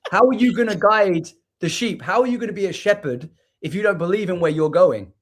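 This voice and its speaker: A man with a Liverpool accent speaks at a fairly high pitch and thinks out loud as a guest in a casual interview chat. He often repeats words and restarts his sentences, talking over a video call. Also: a little fast. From England. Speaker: guest poet.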